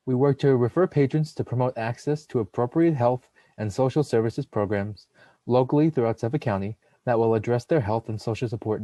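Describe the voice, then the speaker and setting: With a mid-range voice and no room sound, a young male nursing student reads aloud from a prepared webinar script on his computer mic. He keeps a steady manner as he hosts, going through long lists of names and titles.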